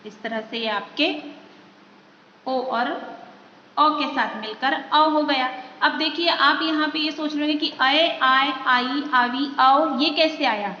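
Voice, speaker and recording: High, bright-voiced woman teaching slowly. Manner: patient, explains step by step with questions to the viewer. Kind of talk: Hindi grammar lesson. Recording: echoey dull room recording with faint noise.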